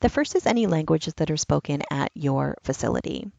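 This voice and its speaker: Her deep, gravelly voice has a darkish tone and lively intonation, and she speaks a little fast. As an enrollment trainer, she gives a patient, plain, step-by-step screen-recorded walkthrough of an online application form. The audio is lo-fi with no room sound.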